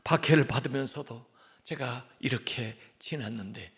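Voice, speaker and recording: A man playing a lonely prophet who pleads with God in a half-whispered, gravelly lament. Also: mid-range voice, normal speed, a bit bright, voice pushed down, close to an everyday voice.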